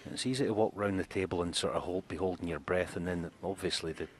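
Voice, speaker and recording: A man giving quiet, unhurried expert snooker commentary in a reflective, conversational way. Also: low-pitched. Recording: faint background noise.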